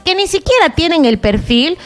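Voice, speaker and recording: A woman's voice: very high-pitched, very animated, moderate pace. A middle-aged woman journalist giving impassioned political commentary, indignant and emphatic, talking straight to the listener.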